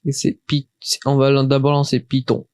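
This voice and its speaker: A man walks through a software install at his desk in a loose, chatty way, stumbling over words and restarting his sentences. His pitch sits in the middle of the usual range. The sound is dry and close, with no room around it. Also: completely flat delivery, normal speed, clear, resonant tone, no echo. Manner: hesitant, many restarts and fillers, chatty. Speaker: tutorial maker. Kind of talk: casual screen-recorded software tutorial.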